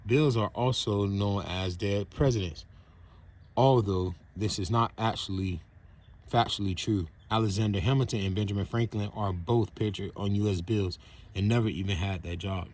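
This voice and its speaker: A man reading a children's nonfiction book aloud in a plain, steady way. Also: fairly low pitch, normal speed. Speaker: reader.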